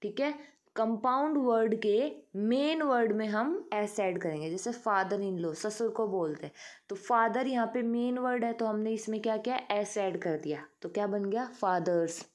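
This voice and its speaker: A woman's voice: mid-range voice, measured pace, a little mellow. Patient woman teaching grammar. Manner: patient, often asks the class questions and answers them herself; addresses pupils affectionately as "beta". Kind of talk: classroom grammar lesson.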